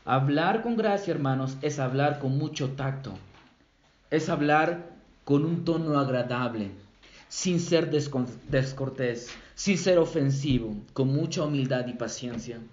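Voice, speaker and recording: A man's voice: mid-range voice, a little slow, darkish tone. A man preaching a sermon as a pastor, emphatic, repeating key phrases and checking with the congregation. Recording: roomy, dull lo-fi sound.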